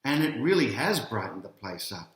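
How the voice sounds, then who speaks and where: In a sing-song, mid-range voice at normal speed, a man reads aloud the picture book he wrote, prompting the children with questions and building up to each reveal. The recording has a roomy echo.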